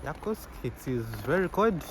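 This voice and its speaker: A young man chats easily in an outdoor street interview. His voice sits a little high for a man. Faint street noise hums in the background. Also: sing-song, normal speed. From Zambia. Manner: easygoing, chuckles between answers, repeats "yeah". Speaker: interviewee, medical student.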